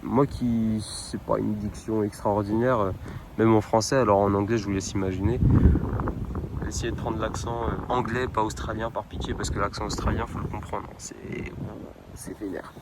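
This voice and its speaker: A young French man talks loosely into his phone on a windy waterfront at night, trailing off, restarting and dropping slang as he goes. His voice sits fairly low, and wind buffets the phone mic throughout. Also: little pitch movement, normal speed. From France. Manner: rambling, informal, lots of hesitations and slang. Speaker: vlogger. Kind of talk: casual travel vlog chat. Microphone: handheld phone camera. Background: wind and outdoor ambience.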